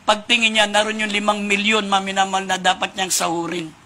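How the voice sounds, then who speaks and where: A male preacher from the Philippines tells a moral story in an emphatic sermon, calling his congregation beloved at nearly every turn. His voice is high and bright. His pitch stays fairly level throughout. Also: completely flat delivery, a little fast, slight background noise.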